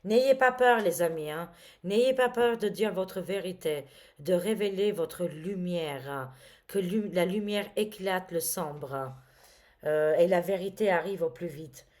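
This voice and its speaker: A woman's voice: on the low side, slow, a little mellow. A woman reading tarot cards to her viewers, talking casually and dramatically with many exclamations and fillers. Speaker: tarot reader.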